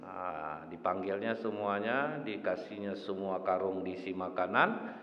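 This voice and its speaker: A fairly low-voiced man gives a casual dawn sermon, turning to his listeners again and again as he talks. His delivery is animated, with sudden climbs into a much higher register. The sound is dull and rings with the long echo of a mosque hall. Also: unhurried. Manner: animated, often jumping to a high pitch and addressing listeners as Pak and Bu. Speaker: mosque preacher. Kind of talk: informal dawn sermon and storytelling.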